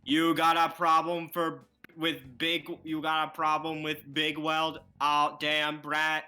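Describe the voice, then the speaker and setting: A man's voice: on the high side, monotone, takes it slowly, sharp tone, soft background music, full character voice. A man voicing a scheming old man who pretends to be a cheerful elderly customer, with sly, mock-robotic threats. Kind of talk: fan comedy dub.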